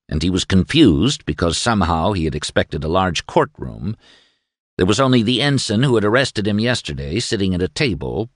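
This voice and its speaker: A man reading a novel aloud as narrator, in a grave, measured way. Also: low voice, no echo, clean studio sound. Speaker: audiobook narrator. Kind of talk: scripted narration.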